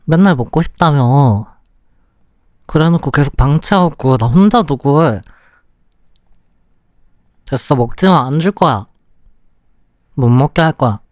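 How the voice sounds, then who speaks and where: A young man playing a sulky, clingy boyfriend in a whispered role-play, speaking softly and pouting close to the mic. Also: a little high, expressive, no echo. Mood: pouty, affectionate. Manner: slow, soft, close-up ASMR delivery with pouty complaints.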